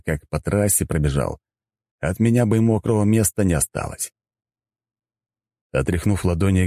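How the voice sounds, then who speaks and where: A man reading a first-person audiobook in a steady storytelling manner. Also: low-pitched, dry recording. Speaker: audiobook narrator.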